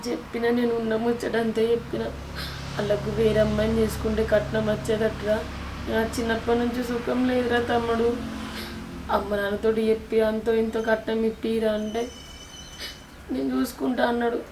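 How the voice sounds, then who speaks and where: A sorrowful, hurt pregnant young wife, played by a woman with a Telangana Telugu accent, her voice high and held to a flat, narrow tune. She pours out her troubles in a plaintive, tearful way, as in a village short film. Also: brisk, echoey room, background noise, close to an everyday voice. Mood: sad, plaintive. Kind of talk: village drama acting.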